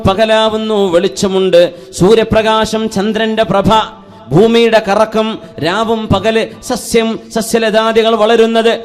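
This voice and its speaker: A male preacher giving an Islamic sermon. He chants Arabic verses in a singing style and asks the listeners one rhetorical question after another. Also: high voice.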